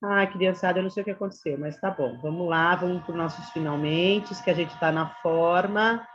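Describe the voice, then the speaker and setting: A woman's voice: fairly low pitch, normal speed, noisy background. A Brazilian woman teacher giving a chatty online literature lesson to students, often checking in with them. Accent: Brazilian Portuguese. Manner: chatty, addresses students as "gente" and "galera". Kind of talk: online class lecture. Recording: slightly dull lo-fi sound.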